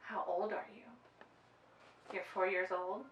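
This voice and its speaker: Gentle woman interviewer, faint noise. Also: medium pitch, steady tone, a little slow, poor audio. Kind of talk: family interview.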